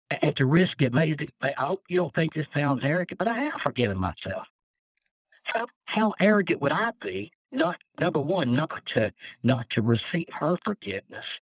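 A man's voice: fairly high pitch, husky, dry recording, rough recording. A man calling in to share an emotional, earnest personal testimony of faith as a guest. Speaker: death row inmate guest. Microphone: phone call.

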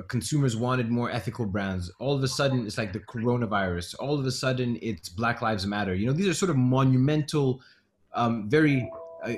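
Man, interviewer, casual, filler-heavy questions. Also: medium pitch. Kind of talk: interview conversation.

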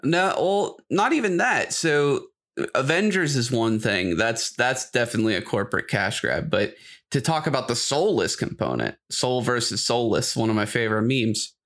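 This podcast co-host is a man with a mid-range, fairly bright voice, speaking at normal speed and with plenty of expression. He keeps things casual, sharing opinions in a relaxed, informal chat.

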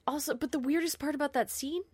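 A woman's voice: high-pitched, quick pace, no echo. A woman on a podcast panel giving wry, exasperated commentary in casual chat.

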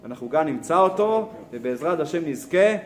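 A man's voice: on the high side, slight background noise. A man teaching a Torah lesson, asking rhetorical questions and telling a story. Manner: animated, asks rhetorical questions.

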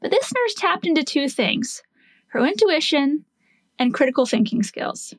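A woman's voice: sits high, very animated, a little slow, dry recording. Earnest woman nurse podcast host. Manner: earnest, explanatory, rhetorical questions. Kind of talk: scripted podcast storytelling and teaching.

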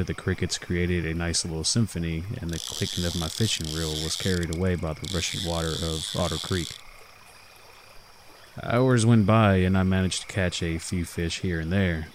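A man's voice: low-pitched, a little hiss or hum. A man reading a scripted first-person horror story as its narrator.

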